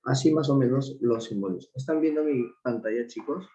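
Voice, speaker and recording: Man, English teacher, online class, slow and patient, dark mellow voice, roomy dull call audio. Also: mid-range voice. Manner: slow, patient explaining with repeated examples. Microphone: video call.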